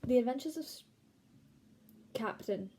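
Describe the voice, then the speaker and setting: A young woman reading silly stories aloud in a mock-boastful, deadpan comic style, with playful voices for the characters. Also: fairly high pitch, measured pace, breathy edge, low-quality recording. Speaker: comedic self-styled author reading her own stories.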